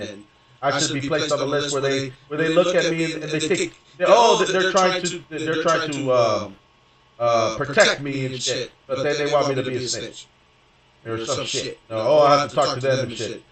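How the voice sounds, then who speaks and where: Over crowd noise, a young Houston, Texas, gaming streamer spins a long, rambling, profane story in a medium-pitched, fairly even voice, a little fast, with many fillers and restarts. He sits distant from the mic in a very echoey room.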